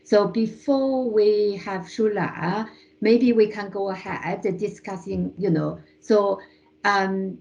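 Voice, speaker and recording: A woman's voice: medium pitch, darkish tone, low-quality recording. A woman chairing a seminar over a video call, moderating politely and hesitantly, with many fillers.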